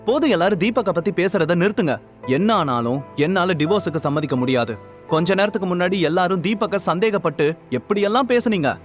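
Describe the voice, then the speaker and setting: Male narrator doing a young wife in an audio drama, hurt and defiant, pleading, slightly higher voice. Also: lively intonation, a little fast, soft background music, lightly acted. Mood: indignant. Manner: pleading, indignant.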